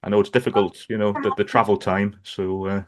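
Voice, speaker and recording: A man with a low voice and a Gateshead accent from England's North East hosts a podcast. He talks in a casual, conversational style. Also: level tone, a little fast. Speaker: podcast host. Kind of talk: casual chat.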